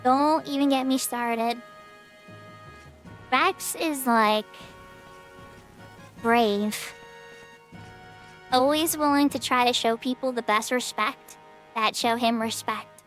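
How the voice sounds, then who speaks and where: High-pitched cute anime-style woman streamer. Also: a bit bright. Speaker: livestreamer. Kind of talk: casual livestream chat while gaming.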